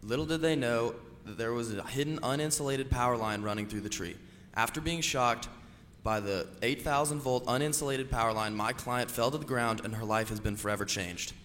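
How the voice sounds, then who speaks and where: Man, attorney, formal prepared courtroom speech, medium pitch, hall reverb, faint noise. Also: fairly quick, fairly bright tone. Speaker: plaintiff's attorney. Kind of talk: formal prepared opening statement.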